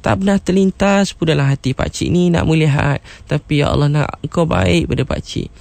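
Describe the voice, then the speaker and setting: A man voicing a grateful elderly man who has just regained his sight, speaking slowly and fervently. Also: fairly high pitch, creaky, a little mellow, no echo. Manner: slow, fervent, heartfelt. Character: grateful elderly man, newly able to see.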